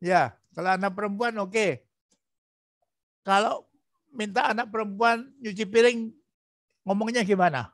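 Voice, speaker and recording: A man training a student in preaching, asking patient prodding questions and acting out gentle examples. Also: sits high, unhurried, pauses often, no room sound, studio quality. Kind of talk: coaching a student in preaching practice.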